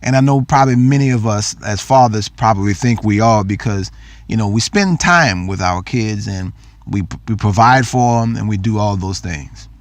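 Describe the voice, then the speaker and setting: A man's voice: fairly low pitch, moderate pace, no echo. A middle-aged man telling a personal story in an earnest talk, repeating phrases for emphasis. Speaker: speaker.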